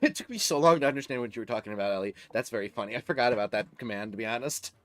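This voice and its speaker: A man's voice: mid-range voice, animated, racing. A man chatting casually on a live stream while playing a game, rambling and laughing often.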